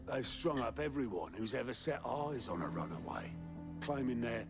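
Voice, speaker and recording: A blunt, coarse informant in a video game. He speaks in low, conspiratorial tones at a middle pitch. Loud music plays under him. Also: animated, a little slow. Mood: angry. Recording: game audio with music behind.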